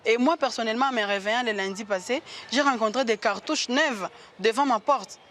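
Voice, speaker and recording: A woman judge speaking in an interview, halting and repeating words as she explains. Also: on the high side, a bit bright, a little hiss or hum.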